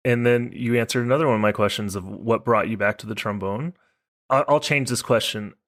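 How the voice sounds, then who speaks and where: A man hosting a podcast interview, relaxed, asking long winding questions. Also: mid-range voice, fairly quick. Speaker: podcast host. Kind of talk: casual interview chat.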